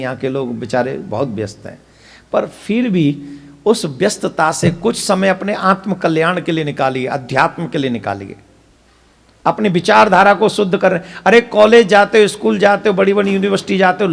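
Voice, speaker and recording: एक पुरुष संत-कथावाचक, ब्रज लहजे के साथ, भक्ति कथा सुनाते हुए। उसका स्वर ऊँचा है, उसमें खुरदुरापन है, और वह श्रोताओं को प्रश्नों से झकझोरता है।. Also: male voice, high voice, moderate pace, gravelly. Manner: emphatic, rhetorical questions to the audience. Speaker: katha preacher. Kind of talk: devotional katha sermon.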